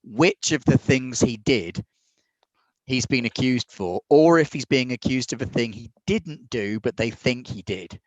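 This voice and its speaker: A man's voice: medium pitch, expressive, unhurried, no room sound, poor audio. A man narrating a tabletop role-playing game casually as the game master.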